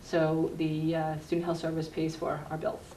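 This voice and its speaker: In a low, mellow, monotone voice at a moderate pace, a middle-aged woman explains her work as a university health educator. She's an earnest guest in a conversational cable TV interview, recorded in an echoey room with a distant mic and faint noise.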